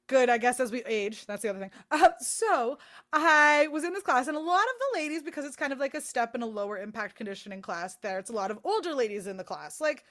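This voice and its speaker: A woman in her thirties co-hosting a podcast, telling stories in a casual, animated way and swearing freely. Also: on the high side, quick pace. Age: 30s. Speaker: podcast co-host. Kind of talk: casual chat.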